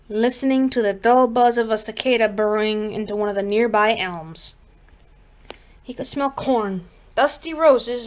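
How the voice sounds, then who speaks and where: A woman reads a horror short story aloud, calm and measured. Her voice sits high and she keeps an even, steady reading pace. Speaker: reader.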